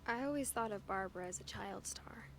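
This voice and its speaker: A young woman narrating a game in a soft, hushed, wistful voice. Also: medium pitch, brisk, slight background noise, close to an everyday voice. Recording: narration over game music.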